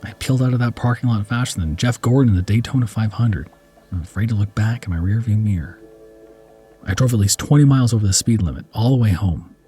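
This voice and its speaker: A man reading a first-person horror story as narrator, slow and dramatic, dropping to a hushed whisper at tense moments. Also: lowish voice, faint music behind.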